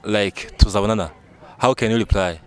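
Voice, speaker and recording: A man's voice: lowish voice, a little fast. A man hosting a casual street interview, quizzing his guest in a playful, informal way. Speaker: interviewer and channel host. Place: outdoors in a town.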